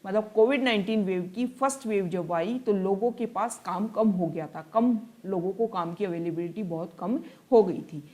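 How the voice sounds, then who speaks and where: Woman tutor, mid-pitched, newspaper analysis lesson: slow read-outs in English, patient explanations in Hindi. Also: a little mellow. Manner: reads English passages slowly, then explains in Hindi; explanatory, repeats and rephrases points. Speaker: exam-prep tutor.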